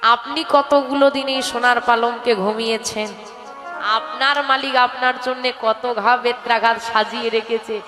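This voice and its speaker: A woman voicing a timid young servant girl who speaks softly and humbly, in a devotional kirtan storytelling performance. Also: a little high, steady tone, moderate pace, big-room sound, over music, close to an everyday voice. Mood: sorrowful. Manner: soft, pleading, humble.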